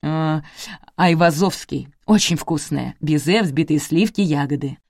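A woman reads a timid, hesitant female friend in an audiobook. The voice is low. The sound is dry and close. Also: unhurried, darkish tone, no room sound. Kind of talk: audiobook character reading.

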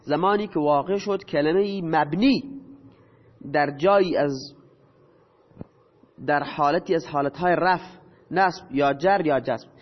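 Explaining grammar to students, a man with a high voice throws out questions and answers them himself. His words carry a long reverb, and the recording sounds dull and lo-fi.

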